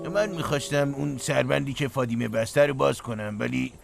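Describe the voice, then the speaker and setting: A gravelly stubborn old grandfather. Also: mid-range voice, over loud music. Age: older. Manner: grumbling, scolding, chuckling. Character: stubborn playful old grandfather stuck up a tree. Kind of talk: dubbed TV drama.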